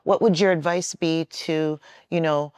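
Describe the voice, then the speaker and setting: A woman's voice: low-pitched, steady tone, a little slow, darkish tone, clear, resonant tone, no room sound, clean studio sound. A woman moderating a roundtable discussion, asking the panel questions and affirming their answers.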